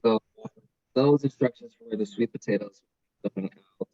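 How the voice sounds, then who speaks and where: A man's voice: mid-range voice, big pitch swings, normal speed, gravelly, mellow, dry recording, dull audio. Man on a choppy, breaking-up video call. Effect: video call audio breaking up. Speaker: garden expert answering questions. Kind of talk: online Q&A session.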